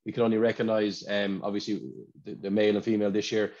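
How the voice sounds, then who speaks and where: A man's voice: on the low side, little pitch movement, quick pace, a little mellow. An Irish man hosting an awards ceremony over a video call, chatty and often repeating words as he talks. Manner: chatty, repeats words when searching for them. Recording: dull lo-fi video call audio.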